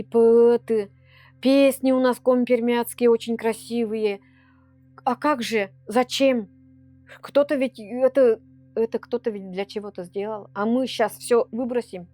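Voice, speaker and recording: A native Komi-Permyak speaker who leads a children's folk ensemble answers interview questions in Russian with a Komi-Permyak accent. Her voice is a little high with a dark tone, and her replies are earnest and heartfelt.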